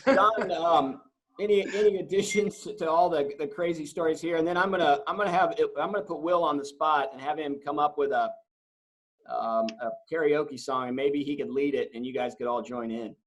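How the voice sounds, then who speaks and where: A male host with a slightly high voice runs a relaxed interview over a video call. He jokes and hesitates, and his questions come out full of fillers and restarts. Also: moderate pace, poor audio. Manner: joking, hesitant, many fillers.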